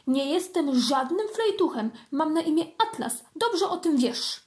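A cheeky little boy kitten in a children's storybook, lazy and quick to grumble, as a woman puts him on. His voice sits high and comes out loud and indignant whenever he is crossed. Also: big pitch swings. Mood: excited.

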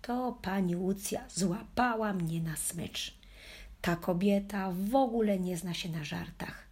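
Slow and husky, with a medium pitch and a darkish tone, a woman narrates a children's audiobook. She tells the story as a playful puppy in the first person, delivering it wryly.

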